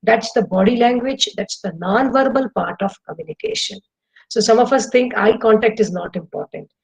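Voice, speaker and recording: A middle-aged guest speaker with an Indian English accent presents an energetic webinar to students by video call, lecturing with demonstrations. Her voice is a little high and creaky at normal speed, and the audio is poor.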